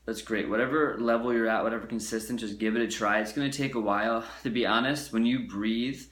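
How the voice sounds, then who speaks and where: A man's voice: lowish voice, steady tone, a little fast, fairly bright tone. Casual, profane man teaching singing in an echoey room. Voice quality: loose and profane, acts out timid and bold voices. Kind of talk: casual video lesson. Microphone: camera mic he handles.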